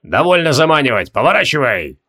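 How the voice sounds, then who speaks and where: A man voicing a rousing old undead marshal with a croaking voice, booming commands across a battlefield in an audiobook. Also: very animated, a little fast, pushed and bright, full character voice. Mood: commanding.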